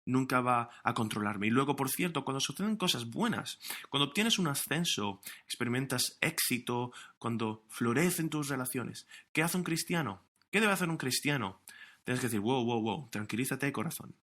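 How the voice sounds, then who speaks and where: An earnest male pastor preaches with emphatic weight, now and then tripping over his words and starting again. His voice sits in an ordinary middle pitch, and he delivers the sermon straight to an audience watching online. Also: expressive, moderate pace, pushed and bright. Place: recorded for online streaming during lockdown.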